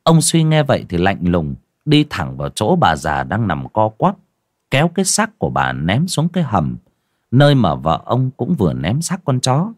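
Husky, dramatic male horror narrator. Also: on the low side, wildly swooping pitch, moderate pace, dry recording, clean studio sound. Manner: dramatic, lurid storytelling.

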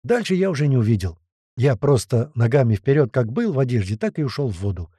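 A man narrating a first-person audiobook with vivid, lively storytelling. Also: medium pitch, quick pace, slightly rough, dry recording, studio quality.

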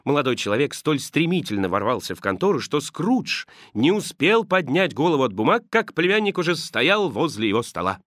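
Guy reading a classic novel aloud, animated delivery, no room sound. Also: on the high side, brisk, hardly any pauses, no room sound, studio quality. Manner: expressive storytelling. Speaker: audiobook narrator. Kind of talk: expressive literary narration.

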